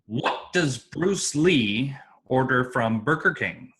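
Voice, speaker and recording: A man telling dad jokes in a joke battle, with slow, deliberate setups and punchlines. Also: mid-range voice, expressive, fairly bright tone.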